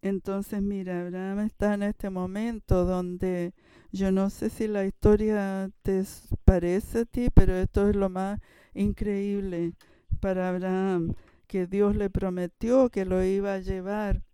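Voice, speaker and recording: Mellow, smooth-voiced preacher telling a story. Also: medium pitch, level tone, no echo. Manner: halting, with frequent restarts and sudden swings in loudness. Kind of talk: sermon storytelling.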